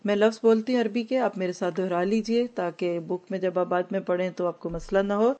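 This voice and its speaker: A woman teaching an Islamic lesson, mixing English words into her talk and slowly reciting Arabic phrases for the class to repeat. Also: medium pitch, fairly even intonation, mellow. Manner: Urdu-Hindi mixed with English words. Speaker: religious teacher.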